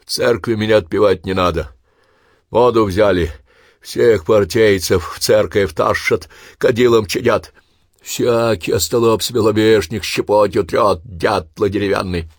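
A man voicing a coarse, grumpy old man in his eighties who is dying, talking gruffly in short, breathless phrases. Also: on the low side, fairly even intonation, measured pace, no room sound, studio quality. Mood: grumbling.

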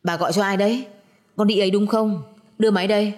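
A woman's voice: mid-range voice, fairly even intonation, fast talker, darkish tone, long reverb tail, natural voice. A woman reading a menacing, violent young husband. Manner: harsh and menacing.

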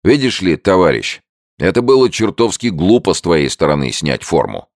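A man's voice: deep voice, sing-song, moderate pace, dry recording, clean studio sound, pitched above the performer's own voice. A man voicing a blunt, blustering American soldier in an audiobook. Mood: brash. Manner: brash, blustering. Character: rough-talking American soldier, blunt and loud.

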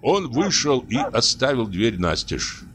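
Expressive male storybook narrator. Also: medium pitch, measured pace, a little hiss or hum. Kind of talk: audiobook narration of a classic story.

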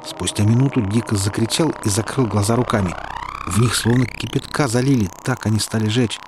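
A man narrating an audiobook in an even, measured storytelling manner, over a steady background hiss. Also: lowish voice.

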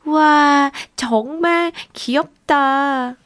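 A woman voicing an excitable little boy who shouts eagerly at his big sister. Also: fairly high pitch, measured pace, vocal fry, exaggerated voice. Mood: excited.

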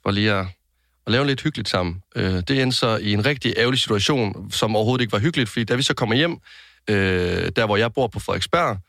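A man co-hosting a podcast, telling stories in a measured, dryly humorous way. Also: lowish voice, animated, gravelly, a bit bright, no echo, studio quality. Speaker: podcast co-host. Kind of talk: casual chat.

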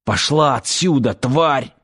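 A man's voice: medium pitch, slow, a bit bright, husky. A man voicing a crude, menacing brute. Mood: vicious threatening. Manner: coaxing whispers turning to snarled threats. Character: rough, predatory grown man, menacing and crude.

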